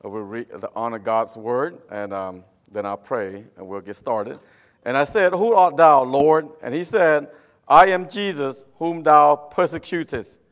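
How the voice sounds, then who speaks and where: A man from Cambodia, a native Khmer speaker, preaching a church sermon in halting English with a Cambodian accent. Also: mid-range voice, a bit bright. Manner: halting, with nonstandard English phrasing. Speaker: missionary guest preacher.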